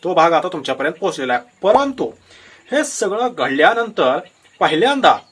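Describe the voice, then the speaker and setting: Very animated and fairly quick, this Maharashtrian Marathi-accented man addresses viewers directly with political commentary. His fairly high, bright voice has a breathy edge and wide pitch swings, and he makes his points emphatically like a storyteller, posing rhetorical questions along the way.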